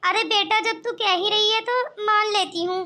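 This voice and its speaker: A worried mother in a cartoon, as a woman voices her, coaxing and fussing over her married daughter. Her voice sits very high and sounds bright and sharp. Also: fairly even intonation, moderate pace. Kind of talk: cartoon voice acting.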